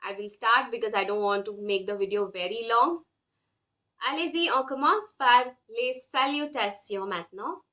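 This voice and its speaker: A woman's voice: fairly high pitch, moderate pace, bright, forceful tone. A woman teaching a beginner language lesson, explaining patiently and drilling words for the listener to repeat. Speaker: French teacher.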